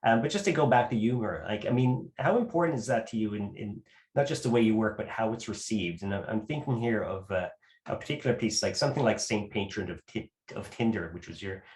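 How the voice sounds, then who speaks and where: Deep-voiced male interviewer, roomy sound. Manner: measured, hesitant with "uh" and "um". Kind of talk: formal interview questions. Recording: roomy with faint background noise.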